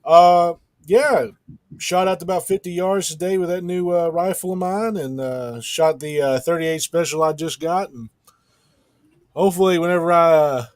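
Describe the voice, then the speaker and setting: A man's voice: a little high, moderate pace, darkish tone, no echo, studio quality. A man sick with a cough, chatting casually and laid-back on a podcast. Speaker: podcast co-host.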